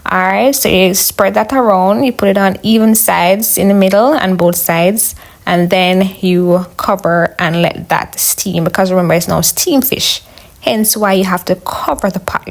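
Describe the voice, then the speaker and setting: Casting: female home cook with Jamaican accent, medium pitch, chatty step-by-step narration for online viewers. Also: a little slow, gravelly. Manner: chatty, instructional, addressing viewers as guys. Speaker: home cook, video host. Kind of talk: casual cooking voice-over.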